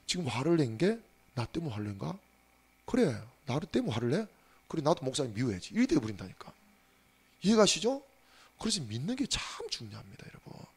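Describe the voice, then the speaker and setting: A male pastor preaching a sermon, speaking straight to his congregation, dropping to hushed asides and then rising to loud emphatic calls. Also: fairly high pitch, slightly rough. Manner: speaks to the congregation directly and has them repeat after him.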